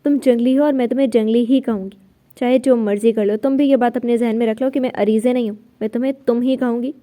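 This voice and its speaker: A woman's voice: fairly high pitch, fairly even intonation, mellow, close to an everyday voice. A woman voicing a stubborn young wife who talks back defiantly, in a storybook reading.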